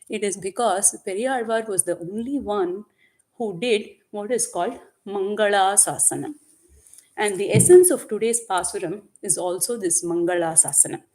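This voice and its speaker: A religious teacher whose first language is Tamil instructs a group on devotional texts, explaining patiently and asking her listeners questions she then answers. Her voice is at an ordinary pitch for a woman, warm and expressive, at a moderate pace, and she mixes in Tamil and Sanskrit terms throughout. The audio is poor.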